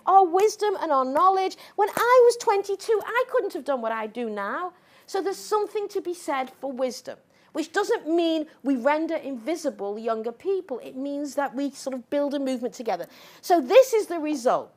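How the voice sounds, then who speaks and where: Combative, animated woman lecturer. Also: sits high, normal speed. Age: middle-aged. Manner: combative, sarcastic, punctuates points with "okay?" and "right?". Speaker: sociology professor giving a lecture. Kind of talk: impassioned public talk.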